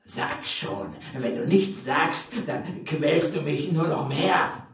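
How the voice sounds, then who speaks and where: A man's voice: mid-range voice, animated, unhurried, echoey room, recorded from a distance, lightly acted. A man voicing a grumpy male monster with claws and a tail, grumbling and stammering in a storybook reading. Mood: outraged. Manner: grumbling, stammering, self-pitying.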